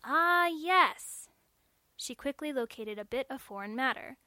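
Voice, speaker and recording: Woman narrating a story, fairly high voice. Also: brisk, fairly bright tone, dry recording.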